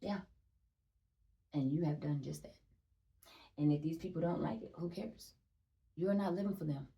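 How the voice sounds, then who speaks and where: Sitting far from the mic, a young woman talks through a casual tarot-style energy reading at normal speed. Her voice is slightly low, mellow and dark with vocal fry, and she is chatty and emphatic, repeating points for stress and cursing freely.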